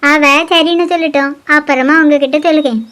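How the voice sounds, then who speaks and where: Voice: sits high, steady tone, brisk, bright, forceful tone. Someone voicing a jittery young village man. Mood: defensive. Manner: pleading, defensive.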